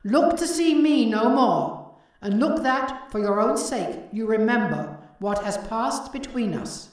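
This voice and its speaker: A woman's voice: a little high, animated, a little slow. A woman voicing the ghost of a dead businessman, solemn and declaiming. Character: ghost of a dead old businessman, grave and mournful. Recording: heavy echo, distant from the mic.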